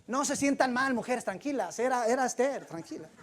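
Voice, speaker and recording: A man's voice: extremely high pitch, lively intonation, a little fast. A male preacher delivers a sermon in church. He retells the story in a loose, colloquial and humorous way.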